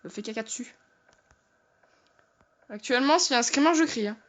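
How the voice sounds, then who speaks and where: A young woman talks her way through a horror game in a fairly high voice. She jokes nervously, swears freely and shouts when something startles her. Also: a little fast. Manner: jokey, frightened, swears and shouts. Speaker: gamer. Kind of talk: horror game let's play commentary.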